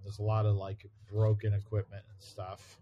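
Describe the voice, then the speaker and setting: A man's voice: on the low side, moderate pace, highs cut off. A man co-hosting a casual podcast, recapping a comic book page by page and laughing easily. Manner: relaxed, laughs often, recaps by paraphrasing. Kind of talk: casual chat.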